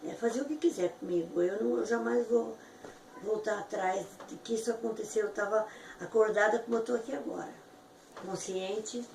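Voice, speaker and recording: A woman's voice: normal speed, darkish tone. Fervent woman, echoey and far off. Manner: fervent, emotional, breaks into high pitch. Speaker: testimony giver. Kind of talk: emotional personal testimony. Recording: echoey room from far off with faint noise.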